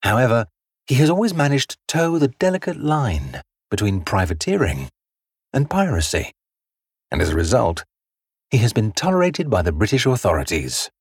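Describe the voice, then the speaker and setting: A man giving scripted, dramatic documentary narration in a measured storytelling manner. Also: mid-range voice, big pitch swings, slightly rough, dry recording, clean studio sound.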